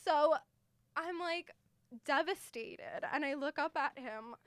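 Animated, high-voiced young woman. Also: slow pace, no room sound. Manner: animated, laughing, acts out dialogue. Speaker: podcast co-host. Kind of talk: casual chat, storytelling. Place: room in Miami Beach.

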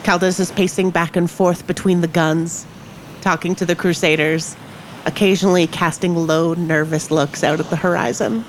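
Lowish-voiced woman game master, dramatic storyteller. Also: fairly even intonation, normal speed, slight background noise, rough recording. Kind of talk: narrating a tabletop role-playing game.

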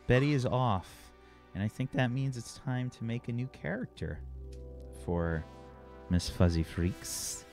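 A man's voice: medium pitch, expressive, unhurried, darkish tone, soft background music. A man running a tabletop game as game master, talking in a casual, joking, conversational way.

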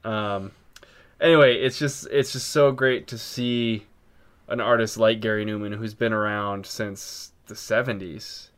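A man's voice: fairly low pitch, fairly even intonation, a little slow, smooth. A man co-hosting a podcast, chatting casually about music and rambling with frequent ums and restarts. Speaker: podcast co-host.

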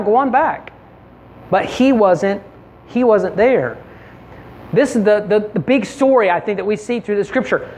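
A preacher giving a conversational sermon, retelling scripture by acting out the quoted voices, repeating words for emphasis and often adding a quick tag question. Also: mid-range voice, a little hiss or hum.

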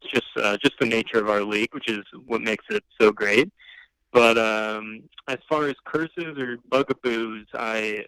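A man speaks in a calm, measured way, pausing often with fillers as a podcast guest. His voice is smooth and clear, recorded dry and close to the mic. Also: fairly low pitch, dry recording, poor audio. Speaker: podcast guest, league finalist. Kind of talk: casual podcast interview.

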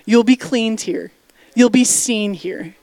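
With a warm, fairly high voice and a slow pace, a woman pastor preaches in a church sanctuary, and there's no room sound. She speaks directly and emphatically, asking the congregation to respond and dropping in casual asides.

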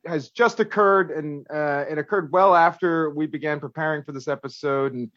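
A man's voice: fairly high pitch, normal speed, fairly bright tone, no echo, lo-fi sound. A man hosting a podcast, moving between prepared remarks and conversation. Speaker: podcast host. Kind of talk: podcast hosting, scripted opening and chat.

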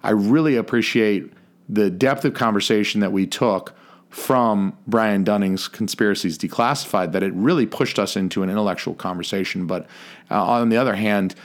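A man with a fairly low voice co-hosts a casual podcast. He talks in a measured, mock-formal way, then drops in offhand swearing. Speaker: podcast co-host.

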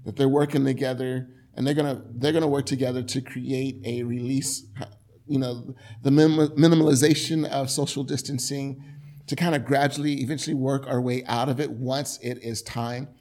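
A middle-aged man preaching a sermon in a conversational, animated way, often restarting his sentences. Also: mid-range voice, moderate pace. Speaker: pastor.

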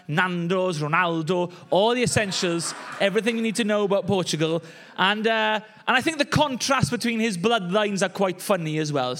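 A young Welsh pastor preaches a conversational sermon, chatty and full of joking asides with laughs. His male voice sits high and sounds a bit bright.

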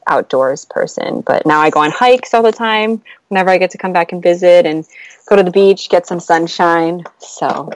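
A woman's voice: fairly low pitch, normal speed, no echo, low-quality recording. A young woman from Hawaii, chatting as a podcast guest, with lots of fillers and easy laughter. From Oahu, Hawaii. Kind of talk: casual conversation. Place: at home.

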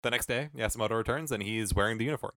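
A man's voice: on the low side, rapid-fire, bright, forceful tone, dry recording, studio quality. A man co-hosting a casual film discussion, chatty and laughing often. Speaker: podcast co-host.

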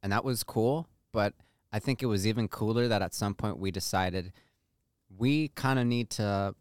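A man co-hosting a podcast in relaxed, conversational chat. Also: fairly low pitch, normal speed, clean tone, dry recording. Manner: relaxed, conversational, uses "like" often. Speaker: podcast co-host. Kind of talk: casual chat.

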